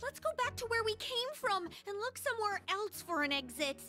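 Very high, bouncy schoolgirl voice from a woman, anxious and eager, for a comedy fan film. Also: very animated, normal speed, music in the background. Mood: worried.

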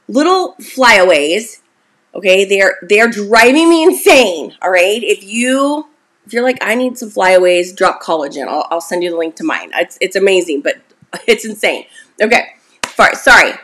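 A woman's voice: medium pitch, a bit bright. A woman in her forties giving a casual motivational talk to camera as a self-esteem coach, chatty and encouraging, often checking in with her listener. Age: 40s.

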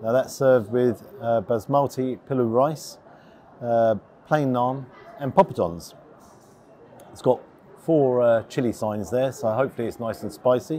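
A middle-aged man speaks in a casual, matter-of-fact vlogging style. His voice sits at an ordinary male pitch. He is recorded from across a table in a big, busy station concourse, with clear ambient noise around him. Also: warm tone. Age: 50s. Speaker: food reviewer vlogger. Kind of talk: casual vlog talk to camera. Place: large open train station concourse restaurant. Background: station ambience, background announcements.

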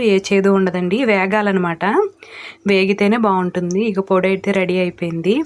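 A woman's voice: medium pitch, darkish tone. A middle-aged woman chatting to her viewers in a homely, friendly way as she narrates her day and a home cooking recipe. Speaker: vlogger.

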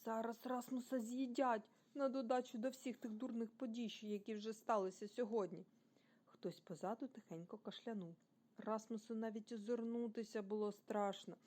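A woman from Ukraine reading a children's bedtime story aloud, expressive and animated, speaking directly to young listeners. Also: fairly high pitch, normal speed.

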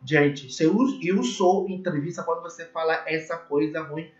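A man's voice: fairly high pitch, fairly even intonation, normal speed. A man who is a native English speaker teaches an informal lesson, with a foreign English accent in his Portuguese, repeating himself and often checking understanding. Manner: repetitive, emphatic, often checking with "okay?". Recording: echoey room, dull muffled sound.

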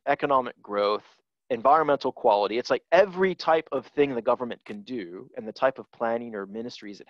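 A man's voice: medium pitch, no echo. A man in his forties, a guest lecturer on a video call, answering audience questions thoughtfully with fillers. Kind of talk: academic Q&A answer. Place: office with posters on the wall. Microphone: headset on a video call. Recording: dull video call audio.

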